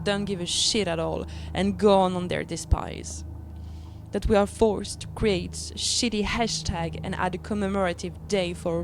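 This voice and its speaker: Over loud music, a performance artist delivers a bitter, angry spoken-word monologue in non-native English. Her voice is medium-pitched and gravelly, and the background is noisy.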